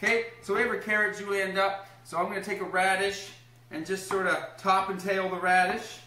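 A young man with a sharp tone, a high-sitting voice, and fairly even intonation talks a little fast. Hosting a casual cooking demonstration in his echoey home kitchen, he explains each step upbeat and encouraging while cheering on a small child who helps.

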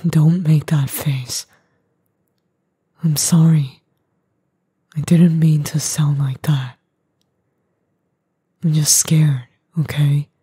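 A woman voicing an edgy young boyfriend, gruff but tender and worried, in a breathy, husky, halting ASMR role-play. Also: low-pitched, steady tone, mellow, dry recording, full character voice. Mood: apologetic, tender.

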